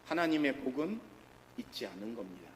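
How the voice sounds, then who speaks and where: A man's voice: medium pitch, big pitch swings, a little fast, slight background noise. A middle-aged man preaching a sermon as pastor in a church, often asking the congregation questions. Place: church sanctuary. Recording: reverberant church hall, faint ambience.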